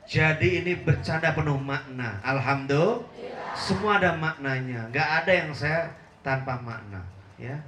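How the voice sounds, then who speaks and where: A man's voice: a little high, lively intonation, normal speed. A middle-aged man preaching a humorous sermon to a live congregation, teasing the audience and laughing often. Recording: echoey room with faint hum.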